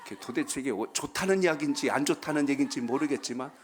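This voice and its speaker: A man's voice: mid-range voice, quick pace, a little hiss or hum. A man, a pastor, preaching a Friday prayer-meeting sermon in a church, calling for amens and telling folksy jokes. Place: church sanctuary.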